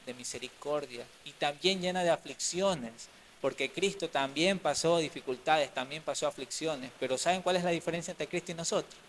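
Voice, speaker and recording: A male pastor preaching a sermon, moving from loud emphatic lines to quiet, hushed ones. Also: a little high, a little hiss or hum. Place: church.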